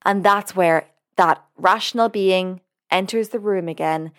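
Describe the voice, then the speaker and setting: Earnest woman podcast host. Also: lowish voice. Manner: earnest, measured, explanatory. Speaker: podcast host and binge eating coach. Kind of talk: podcast monologue.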